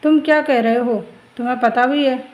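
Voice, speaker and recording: A woman's voice: a little high, fairly even intonation, moderate pace, a little mellow, lightly acted, poor audio. A woman voicing a hurt young married woman who speaks in a stern, firm way.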